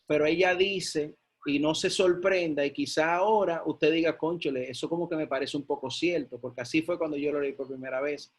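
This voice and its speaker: A man preaching a sermon, telling a personal testimony with excited repeats and emphatic peaks. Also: on the high side, fairly quick, few pauses.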